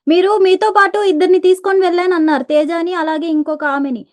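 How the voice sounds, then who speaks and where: A woman's voice: very high voice, steady tone, brisk. A woman interviewer asking probing, challenging questions.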